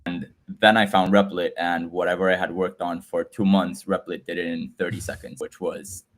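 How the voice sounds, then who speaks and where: Young guy from guatemala on a video call, deep and pretty monotone, keeps restarting words. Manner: halting, repeats words as he talks. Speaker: guest, app builder. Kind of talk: casual video call chat.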